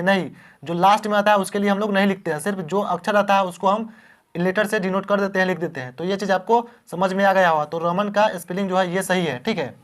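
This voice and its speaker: A man teaching beginners how to spell words, patiently repeating each word and asking the class questions. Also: sits high.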